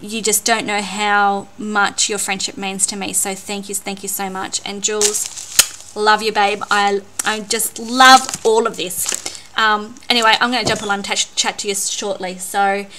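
An Australian woman unboxing a craft gift on her vlog, gushing and excitable, often repeating words. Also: mid-range voice, measured pace. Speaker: craft vlogger. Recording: noisy home recording.

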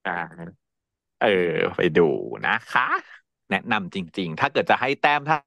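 A man's voice: low-pitched, lively intonation, measured pace, sharp tone, no room sound, clean studio sound. A man co-hosting a podcast, reviewing a series in casual chat, laughing often and acting out quotes. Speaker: podcast co-host.

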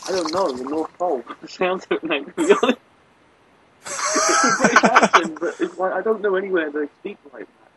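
A man's voice: high voice, wildly swooping pitch, moderate pace, heavy background noise. A man joking around in casual chat while playing an online game. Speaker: gamer.

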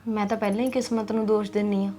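A woman's voice: mid-range voice, flat delivery, rapid-fire, mellow. A woman with a Punjabi accent acting a tired, long-suffering sister in a drama. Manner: weary and resigned. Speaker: actress playing a suffering sister.

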